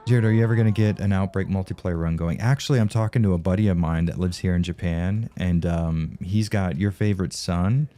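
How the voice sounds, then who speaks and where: A man's voice: low voice, a little fast, hardly any pauses, dark tone. A man streaming a game live, chatting casually with viewers, swearing, rambling and laughing often, tired from no sleep.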